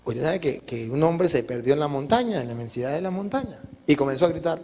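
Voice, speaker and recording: Priest preaching at a retreat, high voice, big hall with long reverb, lively storyteller. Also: male voice, fast talker. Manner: animated storytelling, acting out characters' voices.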